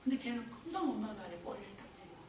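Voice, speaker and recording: A middle-aged woman who directs a care home tells stories at a faith lecture, lively and often laughing. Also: medium pitch, rapid-fire, crowd noise. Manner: lively storytelling with frequent laughter. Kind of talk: lecture at a faith talk series. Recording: very echoey hall, distant mic, noise.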